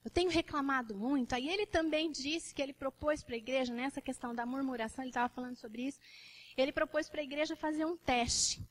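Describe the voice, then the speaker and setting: A woman with a Brazilian Portuguese accent preaching a sermon to a church, telling a story with animated, repetitive emphasis. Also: high voice, fairly quick.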